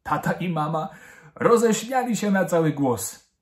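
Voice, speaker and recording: Slow, expressive male storyteller. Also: sits high. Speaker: actor reading to children. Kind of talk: children's story narration.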